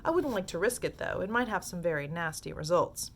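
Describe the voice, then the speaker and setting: A woman voicing an excitable, eccentric male chocolate maker in a theatrical, exclaiming manner. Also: on the low side, a little fast, a little hiss or hum.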